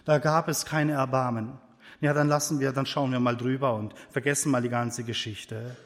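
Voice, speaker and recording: A man preaching a sermon and reading Bible verses, with loud emphatic bursts that drop into quiet, low asides. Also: steady tone, normal speed, long reverb tail.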